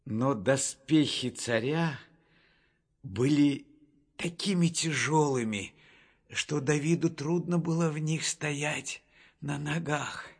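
Slow husky male storyteller. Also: on the high side. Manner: measured and expressive, slow. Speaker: narrator. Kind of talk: storybook Bible reading. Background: faint music.

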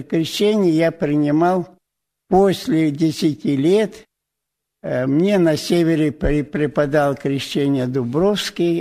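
A man in his eighties, a church presbyter, telling his life story to the congregation in a halting way, with many restarts and hesitations. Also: on the high side, creaky, darkish tone. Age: 80s. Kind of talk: testimony in church.

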